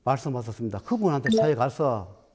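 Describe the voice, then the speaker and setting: Lively-voiced man telling stories. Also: medium pitch, quick pace, breathy edge, soft background music. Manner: recounts stories acting out quoted dialogue. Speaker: Buddhist dharma teacher. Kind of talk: storytelling talk.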